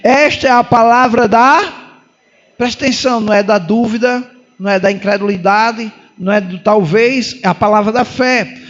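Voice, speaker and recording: A male pastor with a Brazilian Portuguese accent preaches with fervor, hammering points through repetition. His voice sits strikingly high. The recording is dull and lo-fi. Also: normal speed, a bit bright. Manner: fervent, emphatic repetition, calls listeners "irmão". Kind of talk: sermon.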